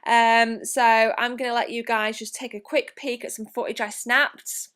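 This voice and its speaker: A woman's voice: fairly high pitch, flat delivery, measured pace, a bit bright. A young woman narrating her gaming convention vlog in a chatty, enthusiastic way, with frequent ums and the odd swear word. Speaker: gaming vlogger.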